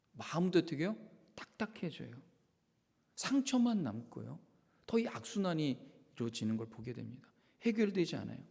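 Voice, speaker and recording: A Korean pastor preaching a Sunday sermon, lively and expressive, acting out quoted voices and sometimes dropping to a whisper. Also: male voice, a little high, vocal fry. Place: church sanctuary. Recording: long hall reverb of a church sanctuary.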